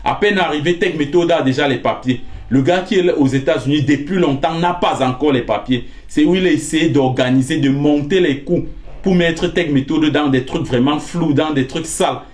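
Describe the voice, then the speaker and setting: A man's voice: on the high side, moderate pace, darkish tone, roomy sound. A man presenting a channel, recounting another man's story in an emphatic narrating style. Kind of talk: narrating commentary.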